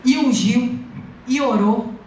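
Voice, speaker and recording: A high-voiced woman preaches to a congregation, telling her story with lively humor. Her voice rings through a very echoey church hall. She is picked up from well back from the microphone. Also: slow pace, slight background noise. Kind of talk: sermon with personal testimony. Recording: echoey hall, distant mic.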